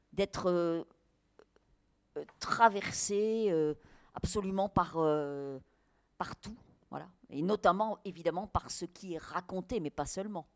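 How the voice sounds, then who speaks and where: A woman writer as a guest on a radio interview, talking hesitantly with many fillers, then pressing her points with emphasis. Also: fairly low pitch.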